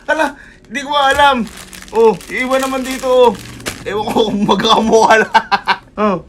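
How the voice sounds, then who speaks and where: A man's voice: extremely high pitch, steady tone, moderate pace, a bit bright, slight background noise. A young man chatting casually in a couple vlog, laughing a lot and teasing while playing innocent. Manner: laughing, teasing and playfully defensive. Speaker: vlogger.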